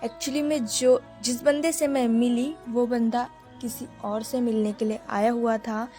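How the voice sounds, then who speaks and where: A young woman narrates her own vlog in a relaxed, chatty way. She talks straight to her viewers and calls them friends. Her voice sits a little high, with faint music playing underneath. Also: unhurried. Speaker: vlogger.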